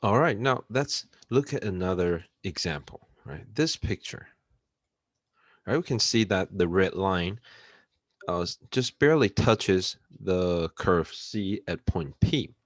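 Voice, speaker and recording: A man giving a recorded math lecture, unhurried, with frequent fillers and checks for understanding. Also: sits low, animated, no room sound. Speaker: math instructor.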